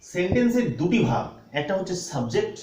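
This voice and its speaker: A man's voice: sits high, sing-song, brisk, darkish tone, a little hiss or hum. A man teaching a grammar lesson, asking questions and answering them himself. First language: Bengali. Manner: asks and answers his own questions. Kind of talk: classroom lesson. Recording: echoey room, voice from far off.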